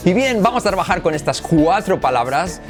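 A man from Spain with a Spanish accent, teaching English pronunciation in an upbeat lesson, mixing Spanish and English and drilling words slowly. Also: high voice, big pitch swings, music in the background.

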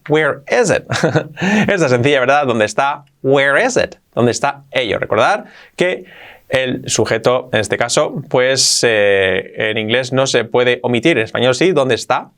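A male teacher explaining English to Spanish learners in a lively, encouraging way. He repeats each word slowly for drills, and his pitch sits in the middle of the usual male range. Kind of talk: online English lesson.

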